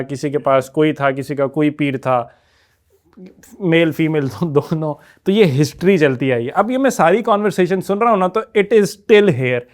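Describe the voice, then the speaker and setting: A man hosting a podcast interview, asking probing questions and mixing in English words. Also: on the high side. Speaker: podcast host.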